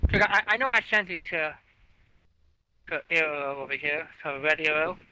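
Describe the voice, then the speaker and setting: A man mutters to himself while he fiddles with a console, talking in a casual, half-distracted way. His voice sits a little high and bright, with a faint hiss of noise behind it. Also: moderate pace, rough recording. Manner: muttering to himself as he works through menus. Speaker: co-host of a show review. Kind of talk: casual chat while using a game console.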